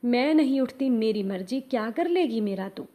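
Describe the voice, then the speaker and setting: Lady reading as a bossy old mother-in-law, sulky and demanding, a bit high-pitched. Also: animated, normal speed, dark tone.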